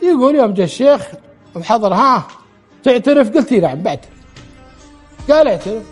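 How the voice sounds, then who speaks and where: A man's voice: extremely high pitch, animated, quick pace, breathy edge, soft background music. A man telling a true story aloud, relaying the dialogue in quotes and often restarting his words. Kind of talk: spoken storytelling.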